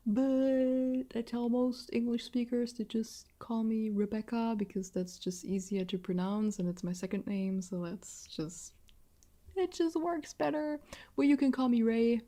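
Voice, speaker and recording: Hosting a relaxed solo podcast, a southwest German woman in her early twenties chats in English with a German accent, poking fun at herself and laughing frequently. Her voice is mid-range and mellow.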